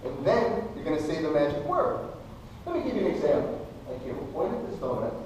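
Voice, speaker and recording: Male kids party magician, high voice, playful mock-bumbling patter, recorded from afar in a very reverberant room. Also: huge pitch swings, fairly quick, darkish tone. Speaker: stage magician. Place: echoey room at a live magic show. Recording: very echoey room, distant mic, faint noise.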